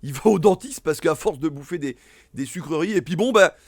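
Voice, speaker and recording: A man's voice: a little high, lively intonation, a little fast, no room sound, clean studio sound. A man casually reviewing films and series, rambling with many fillers and restarts. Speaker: film reviewer. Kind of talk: casual film review monologue.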